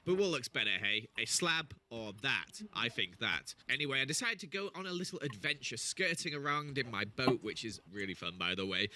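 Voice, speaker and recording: A man's voice: mid-range voice, bright, forceful tone. A man narrating his gameplay as a voiceover, playful and self-mocking, with the hiccups. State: has the hiccups. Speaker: gaming channel host.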